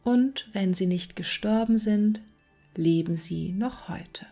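A woman reading a fairy tale aloud, slowly, sometimes half in a whisper. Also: medium pitch, warm tone, soft background music. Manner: slow, at times half whispered. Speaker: narrator.

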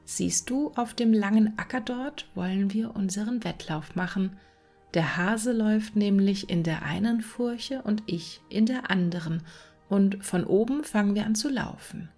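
A woman's voice: medium pitch, measured pace, mellow, faint music behind. A woman voicing a cocky male hedgehog who curtly orders his wife around. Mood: bossy. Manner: curt, commanding.

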